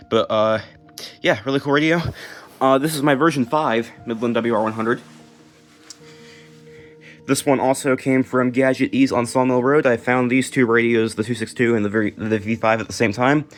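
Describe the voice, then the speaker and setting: With some background music, an American man presents his collection on video in a relaxed show-and-tell style. He speaks haltingly without a script, frequently trailing off mid-thought, at an ordinary male pitch.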